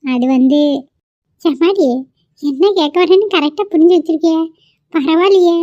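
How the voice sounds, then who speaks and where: A nosy middle-aged cartoon aunt, played by a woman who teases and pries. Her voice sits high and playful. The recording is dry and close. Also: moderate pace, warm tone, no echo, lo-fi sound. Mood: teasing. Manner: playful, prying. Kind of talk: cartoon voice acting.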